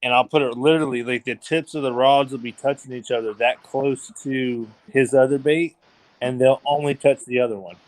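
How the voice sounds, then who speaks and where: A man's voice: mid-range voice, steady tone, brisk, dry recording. A man hosting a livestream, chatting casually about fishing in a rambling, laid-back way full of fillers. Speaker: livestream host.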